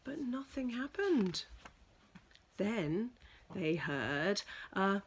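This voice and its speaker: Reading a picture book aloud to young children, a female storyteller leans into deliberate, dramatic emphasis. Her medium-pitched voice is husky and swings widely in pitch.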